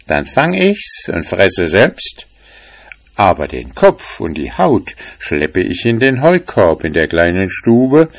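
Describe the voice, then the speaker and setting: A man's voice: sits low, heavily acted. A man voicing a sly, scheming hunting dog in a storybook tale, speaking in a raised, boastful way.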